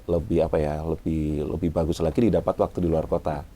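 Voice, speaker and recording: A man in his forties with a Malang Javanese accent chats casually as an interview guest, self-mocking and slipping in Javanese words; he's an event MC and former radio announcer. His voice is extremely low and warm, level in tone and a little fast.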